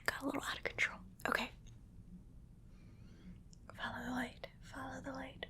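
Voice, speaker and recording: A woman speaks almost entirely in a soft, breathy whisper, slightly higher than most women. She is playful and coaxing as she gives the listener one small instruction after another. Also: flat delivery, moderate pace. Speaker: ASMR creator. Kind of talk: whispered ASMR attention-test role-play.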